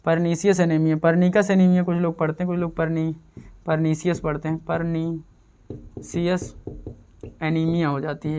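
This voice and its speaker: This male chemistry teacher speaks in a higher register with a darkish, clear and resonant tone. His exam-prep lecture is relaxed, built on repeated terms and questions he asks and answers on his own.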